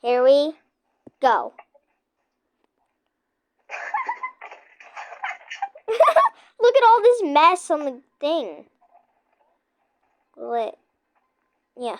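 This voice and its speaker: A high-voiced young girl chatting through a game on her channel, giggly and chatty, talking to her viewers in between. Her pace is slow and easy, and the mic sounds close and dry. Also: wildly swooping pitch, dry recording. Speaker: gaming channel host. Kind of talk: casual gameplay chat with a friend.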